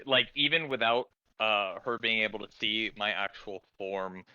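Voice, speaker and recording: A man's voice: fairly low pitch, moderate pace, bright, forceful tone, smooth, no room sound, lo-fi sound. A man chatting casually and with amusement as a player in a tabletop game.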